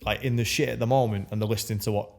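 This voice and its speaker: A man's voice: lowish voice, steady tone, racing, gravelly, a little mellow. A podcast host chats casually with his guest. He talks in a matey, encouraging way and swears freely. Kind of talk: casual interview chat.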